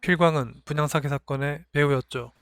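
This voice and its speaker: Slightly high-voiced man narrating a drama recap. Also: fairly even intonation, fairly quick, fairly bright tone, clear, resonant tone. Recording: voice-over with faint music behind.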